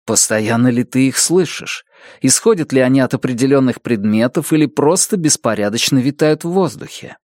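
A man reading an audiobook in a measured storytelling manner. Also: medium pitch, expressive, a little mellow, no room sound, studio quality. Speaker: audiobook narrator. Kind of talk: scripted narration.

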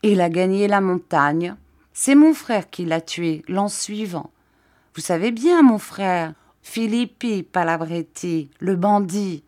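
A woman reading an audiobook and voicing a tired, coughing middle-aged Corsican man who speaks in a flat, placid monotone. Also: lowish voice, slow. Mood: proud.

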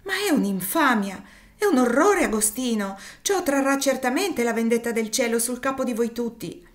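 A woman voicing an indignant, strict middle-aged spinster in a read-aloud novel, speaking loudly and with high outrage. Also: fairly even intonation, normal speed, lightly acted.

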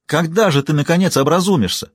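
A man's voice: a little high, fast, husky, dry recording, studio quality, pitched above the performer's own voice. A man doing a furious woman cop. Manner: accusing, scornful. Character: furious woman police detective, fierce daughter.

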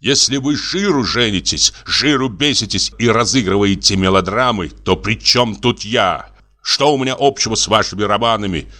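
A man's voice: fairly low pitch, moderate pace, bright, forceful tone, voice pushed up. A man reading the part of a bitter, furious middle-aged country doctor, harsh and biting, clipping every word.

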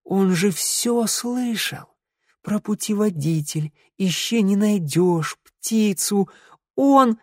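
A man's voice: on the high side, expressive, a little fast, a little mellow, dry recording, clean studio sound. A man doing an eager, earnest young woman. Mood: stunned.

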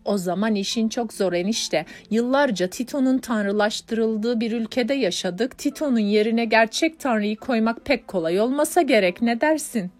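A woman voicing a witty, outspoken aunt in an audiobook, lifting her voice higher and louder. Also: normal speed, few pauses, faint music behind, lightly acted. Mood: teasing.

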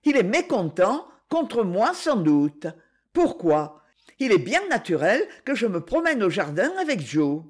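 A woman voicing a proud young woman who refuses a suitor with gentle firmness. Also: mid-range voice, very animated, a little slow, slightly rough. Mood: surprised, troubled. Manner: gentle but firm, reproachful.

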